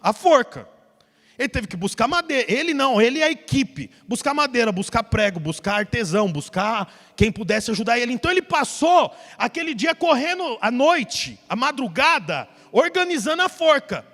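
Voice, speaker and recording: A male pastor preaching a sermon, telling a Bible story in a lively way and acting out the characters in a church. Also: very high voice, normal speed. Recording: hall reverb with faint music.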